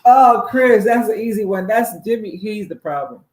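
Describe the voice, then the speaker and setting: A man's voice: sits high, animated, normal speed, crowd noise. A man reacting in a casual chat, laughing in disbelief. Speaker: guest. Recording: echoey room, faint noise.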